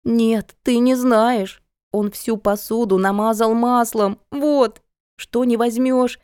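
A woman reader voicing the narrator's excitable, whiny adult sister, who talks in a shrill, pleading way. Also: slow, smooth, no room sound, clean studio sound. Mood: exasperated.

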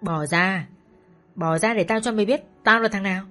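A woman's voice: medium pitch, normal speed, fairly bright tone, soft background music, natural voice. A woman voicing a furious, hot-tempered young man. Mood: enraged. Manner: furious, cursing through gritted teeth. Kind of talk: audiobook story reading.

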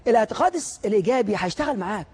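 A man with an Egyptian accent giving an animated motivational lecture, full of stories and rhetorical questions to the audience. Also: high voice, racing, slightly rough. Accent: Egyptian Arabic.

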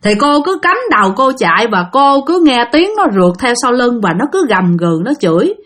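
A woman tells a ghost story casually, speaking straight to her listeners. Her voice sits a little high and rises and falls vividly as she dramatizes the tale. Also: big pitch swings, normal speed, a bit bright. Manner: chatty, addresses listeners directly, dramatic.

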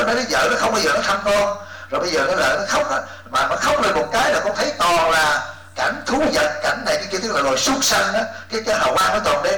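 A man, a Buddhist monk, gives an animated dharma talk and keeps asking his listeners for agreement. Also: a little high. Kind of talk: dharma talk to a retreat audience. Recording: echoey hall, distant mic, faint hum.

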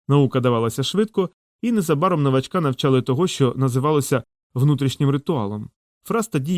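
Man narrating an audiobook, measured and even, dry close mic. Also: mid-range voice, no echo. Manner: steady, measured storytelling. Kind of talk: scripted narration.

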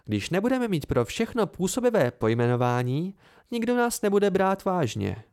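A teasing young woman, as a male reader puts her on in an amateur audiobook. Her lines rise higher than the reader's own voice and swing widely in pitch. The tone stays playful and lilting. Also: sing-song, darkish tone, clear, resonant tone.

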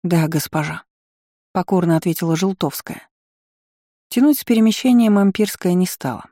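A narrator reading a dark fantasy audiobook in steady, dramatic storytelling. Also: mid-range voice, normal speed, no room sound, clean studio sound.

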